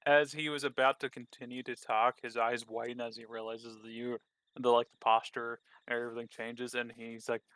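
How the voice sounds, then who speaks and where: Hesitant male game master, bright tone. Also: mid-range voice, flat delivery, normal speed, smooth, no room sound. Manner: hesitant, many fillers and restarts. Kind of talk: narrating a tabletop game.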